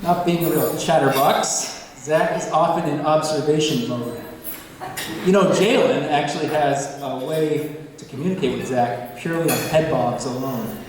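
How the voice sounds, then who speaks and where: A man's voice: fairly high pitch, normal speed. A man giving a prepared best man's speech to wedding guests. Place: large indoor reception venue. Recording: echoey hall, distant, loud crowd.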